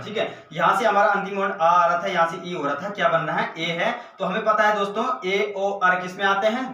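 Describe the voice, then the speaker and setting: A man's voice: sits high, sharp tone, muffled recording. A man teaching a grammar lesson for exam preparation, asking and answering his own questions over and over and calling the viewers his friends. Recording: echoey room, mic at a distance.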